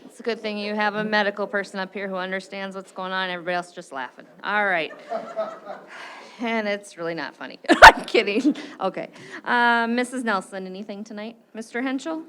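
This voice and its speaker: Bright, joking woman chairing a board. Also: mid-range voice, fairly even intonation. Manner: brisk and joking. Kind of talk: chairing a public meeting. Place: board meeting room.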